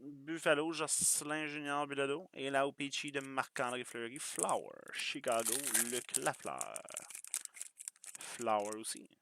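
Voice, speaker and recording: A man's voice: mid-range voice, lively intonation, vocal fry, pushed and bright. A man with a Quebec French accent hosting a live hockey card break, reading out cards and joking with viewers. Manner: quick, joking, chatty with viewers.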